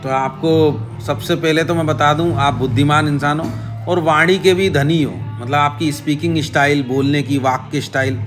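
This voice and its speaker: A man's voice: fairly high pitch, fairly even intonation, moderate pace, a bit bright, faint music behind. A man hosting an astrology talk, addressing the viewer directly, repeating short advice phrases and checking in with "okay?". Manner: repetitive, direct address to viewer with frequent "ठीक है?". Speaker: astrology channel host. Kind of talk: casual astrology explainer.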